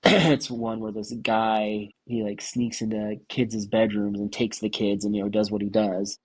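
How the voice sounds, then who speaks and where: A man's voice: fairly low pitch, a little slow, breathy edge, no echo, poor audio. A young man co-hosting a podcast, chatting casually in a rambling, easygoing way. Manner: relaxed and rambling, with many restarts and "like"s. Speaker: podcast co-host. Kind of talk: casual chat.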